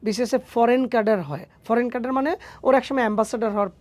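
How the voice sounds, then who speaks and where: A man's voice: very high voice, fast, darkish tone. A man, a phonetics teacher answering interview questions emphatically with rhetorical questions. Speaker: English phonetics teacher, guest.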